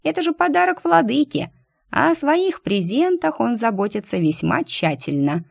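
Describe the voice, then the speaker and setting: A woman's voice: fairly high pitch, very animated, normal speed, vocal fry, no room sound, clean studio sound, voice pushed up, exaggerated voice. A woman voicing a cheeky, theatrical female talking squirrel who bickers with melodramatic flair in an audiobook. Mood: sly, bickering. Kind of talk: audiobook character voice.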